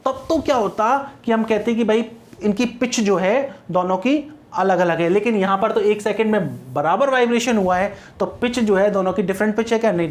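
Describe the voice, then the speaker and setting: A male teacher with an Indian English accent and a high voice delivers an exam-prep phonetics lecture in Hindi mixed with English. He explains patiently and often checks that students are following.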